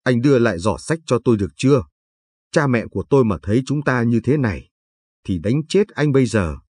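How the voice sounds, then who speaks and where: A man voicing a sharp-tongued young village woman in a told story, speaking in a scolding, snappish way. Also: medium pitch, animated, brisk, slightly rough, dry recording. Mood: annoyed.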